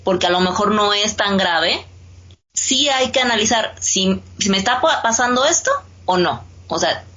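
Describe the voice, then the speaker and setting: Co-host, female, Mexican Spanish accent, bright tense tone, rambling casual talk, muffled audio. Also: mid-range voice, expressive, moderate pace. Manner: thinks aloud with many fillers and restarts, tags with ¿no?. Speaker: podcast co-host. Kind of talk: casual conversation.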